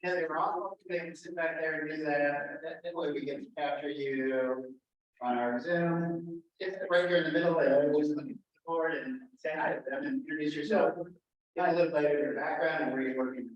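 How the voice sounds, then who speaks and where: Fire chief in an echoey meeting room. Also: male voice, on the high side, fairly even intonation, distant mic. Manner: casual, halting with fillers. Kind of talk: public meeting report. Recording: echoey dull meeting room audio, faint hiss.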